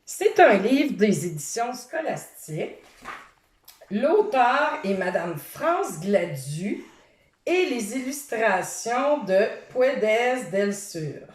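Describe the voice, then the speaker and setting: A woman reading a children's picture book aloud, pausing to ask her young listeners questions. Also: fairly high pitch. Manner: slow, animated, quizzes young listeners. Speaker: storyteller for children. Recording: roomy, distant from the mic.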